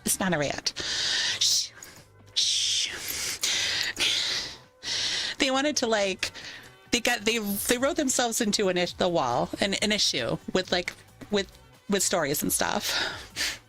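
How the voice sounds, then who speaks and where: A woman's voice: medium pitch, unhurried, a bit bright, soft background music. A woman streaming and chatting casually, rambling playfully through tangents and thanking viewers for tips. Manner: rambling, playful, trails off and restarts. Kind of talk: casual livestream chat.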